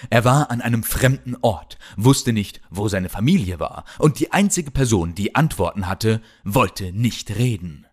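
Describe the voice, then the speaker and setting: Low, slow male audiobook narrator. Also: lively intonation. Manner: dramatic storytelling.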